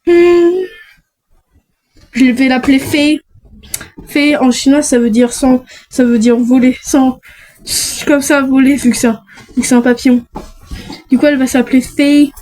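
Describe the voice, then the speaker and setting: A woman's voice: sits high, steady tone, measured pace, long pauses, warm tone, poor audio. A young woman chatting casually to viewers while unboxing mystery boxes, talking to herself and restarting her sentences often. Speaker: unboxing vlogger.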